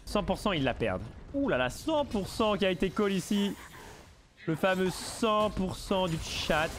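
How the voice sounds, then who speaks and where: A man commentating his own game live, excitable and swearing, with mock-formal asides and bits of English. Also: high voice, measured pace, slight background noise. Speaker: streamer.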